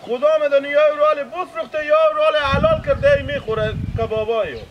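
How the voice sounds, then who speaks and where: A man's voice: extremely high pitch, steady tone, noisy background. A man with a Gilaki accent playing a sensible villager who lectures a naive friend in a comedy sketch. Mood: lecturing. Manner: lecturing, explaining.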